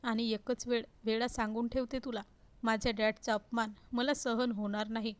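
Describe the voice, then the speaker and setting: A woman's voice: a little high, little pitch movement, moderate pace, smooth, no room sound, natural voice. A woman reading the lines of a cruel, arrogant young husband who talks scornfully and gives orders. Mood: commanding. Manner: scornful, commanding.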